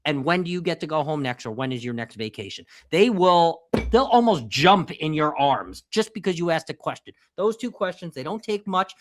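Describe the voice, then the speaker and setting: A man with a fairly high voice co-hosts a casual podcast. He lays out his advice point by point and stresses it firmly, tagging his sentences with "okay?". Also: sing-song, normal speed, few pauses. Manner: emphatic, lists tips, keeps adding "okay?". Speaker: podcast co-host.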